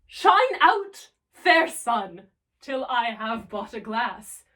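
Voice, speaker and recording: A woman's voice: on the high side, sing-song, drawn-out words, sharp tone, heavily acted. A woman performing a Shakespearean soliloquy as a scheming, self-mocking male villain, theatrical and emphatic. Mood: vain glee. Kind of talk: classical Shakespearean stage soliloquy. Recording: voice distant from the mic.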